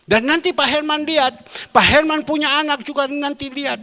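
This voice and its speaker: A preacher putting on a tearful elderly friend. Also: male voice, very high-pitched, expressive, moderate pace, pushed and bright, pitched above the performer's own voice, heavily acted. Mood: plaintive. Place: church hall. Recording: reverberant church hall.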